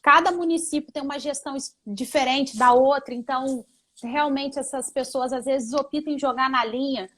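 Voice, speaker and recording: A woman's voice: high-pitched, steady tone, normal speed, a bit bright. A woman hosting a live-stream interview, chatty and friendly toward her guest, with frequent conversational fillers.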